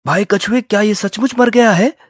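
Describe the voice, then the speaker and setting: A man voicing a clever, wary male jackal in a school audio drama, his voice pitched high and nervous. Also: moderate pace, no room sound, studio quality. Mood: nervous, alarmed.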